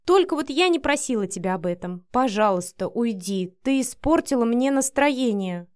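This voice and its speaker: A woman's voice: fairly high pitch, lively intonation, normal speed, clear, resonant tone, no room sound, clean studio sound, natural voice. A woman reading an audiobook voices a shy, easily embarrassed young woman who pleads and snaps back. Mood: snapping. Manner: hissing, pleading, easily flustered.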